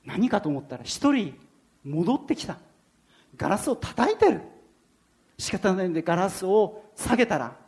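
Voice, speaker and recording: Animated preacher telling a story. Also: mid-range voice. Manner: animated storyteller, shifts between narration and quoted voices. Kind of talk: sermon with storytelling.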